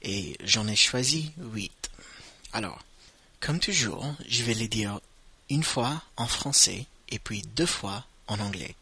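A man's voice: fairly low pitch, lively intonation, slow, bright, forceful tone, slightly rough. A man teaching vocabulary in a patient lesson, saying each word and repeating it for learners to echo. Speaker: language teacher. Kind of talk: slow spoken language lesson.

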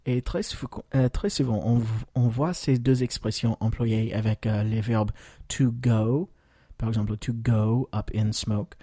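With a mid-range voice that's dark and mellow, this podcast host from the United States teaches English patiently. Fillers bring frequent pauses, model phrases come slowly, and the close recording has no echo or room sound.

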